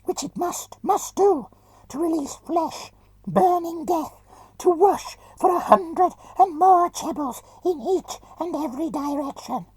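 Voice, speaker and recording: A shrill whining ratman engineer. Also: lively intonation, a little slow, darkish tone, no echo. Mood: gloating. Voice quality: whining, muffled. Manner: gloating, shrill, broken grammar. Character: whining masked male ratman engineer, boastful.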